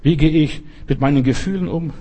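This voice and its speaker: A man's voice: on the high side, brisk, dark tone. A man preaching a sermon, addressing listeners directly with many pointed rhetorical questions.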